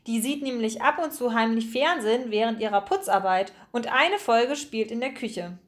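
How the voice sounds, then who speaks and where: A woman's voice: fairly high pitch, animated, moderate pace, natural voice. A woman voicing a male hamster who explains things in a matter-of-fact way.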